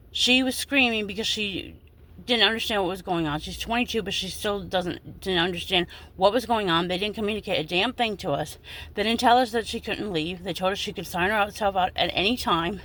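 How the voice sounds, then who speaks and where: A woman's voice: medium pitch, fairly bright tone. Upset woman venting to her followers. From United States. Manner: upset, indignant, with some cursing. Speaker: vlogger.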